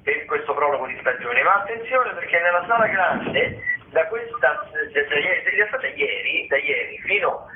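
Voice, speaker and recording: A man with a fairly high voice and lively intonation hosts a radio arts listings segment at a moderate pace, half-improvising and hesitating as he hunts for words mid-phrase. The broadcast sounds tinny and narrow, like a phone line, with slight background noise.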